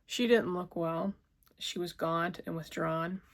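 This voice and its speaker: Tarot reader recapping a memoir, unhurried and hesitant, gravelly tone. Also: female voice, fairly low pitch, fairly even intonation. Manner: hesitant, with fillers and restarts. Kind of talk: casual storytelling from a book.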